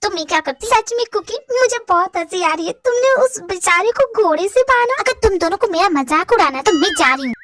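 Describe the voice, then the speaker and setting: A woman voicing the female lead in a hobby audio drama, feisty and quick to threaten and tease. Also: very high-pitched, animated, a bit bright. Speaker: fan-fiction voice actor.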